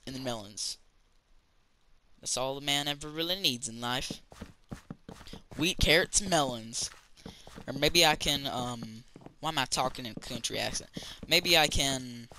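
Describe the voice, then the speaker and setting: The recording is low quality, carrying a man's bright, forceful mid-range voice. As a gaming channel host, he plays a building game and rambles casually, restarting sentences and leaning on fillers.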